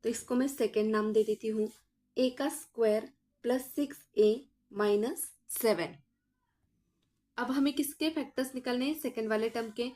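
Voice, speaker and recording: A woman teacher with a fairly high voice works through a math lesson one step at a time. She keeps asking her students what comes next and answers right away, in a patient, explaining tone. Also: normal speed, mellow. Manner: explains aloud, asks the class questions and answers them herself; addresses students as children.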